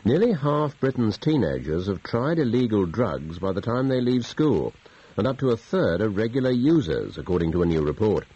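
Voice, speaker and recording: A man's voice: on the low side, big pitch swings, warm tone, slightly rough. A man reading a formal morning news bulletin, heard as a dull, tinny broadcast from a clock radio. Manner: measured, formal news delivery. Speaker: radio newsreader.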